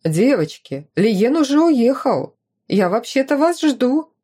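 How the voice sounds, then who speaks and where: A woman voicing a fond aristocratic father, a duke, with a gently teasing, dry manner in a storybook reading. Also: fairly high pitch, very animated, slow pace, slightly rough, pitched above the performer's own voice, full character voice.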